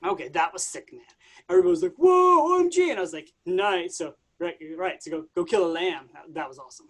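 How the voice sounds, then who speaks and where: An actor playing a laid-back, vain Jesus who talks like a slangy bro in a staged comedy reading. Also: male voice, high voice, expressive, fast, gravelly, a bit bright, heavily acted. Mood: boastful, casual. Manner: casual slangy dude speech. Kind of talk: staged reading of a comic play.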